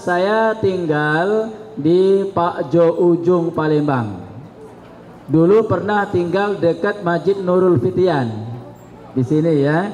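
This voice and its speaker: A man in his fifties, an Islamic studies lecturer from South Sumatra, talking to students in a slow, chatty, joking way. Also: fairly high pitch, darkish tone. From South Sumatra, Indonesia. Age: 50s. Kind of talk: classroom talk to students. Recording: reverberant hall with faint background noise.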